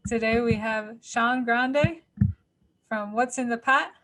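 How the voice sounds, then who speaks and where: A woman's voice: a little high, slow pace, fairly bright tone. A woman hosting a podcast, chatting casually and upbeat with her guest. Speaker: podcast host. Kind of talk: casual interview chat.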